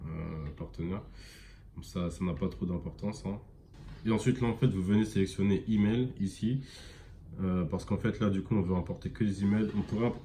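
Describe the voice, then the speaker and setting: Guy walking thru software on screen, lots of euh and restarts, low voice, bit of hiss behind. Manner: rambling, many fillers and self-corrections. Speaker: e-commerce tutorial presenter. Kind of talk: casual screen-recorded software tutorial.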